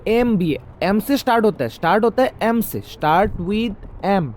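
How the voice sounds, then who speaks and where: A man's voice: high-pitched, lively intonation, a little slow, a little mellow, slight background noise. A man teaching English grammar in a classroom style, explaining and quizzing the listener with repeated questions.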